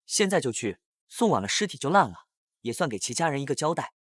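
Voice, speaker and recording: A man voicing a harsh, vengeful old village grandfather who talks in a gruff, scolding way in a horror story. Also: medium pitch, big pitch swings, fast talker, no echo, clean studio sound. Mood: weary.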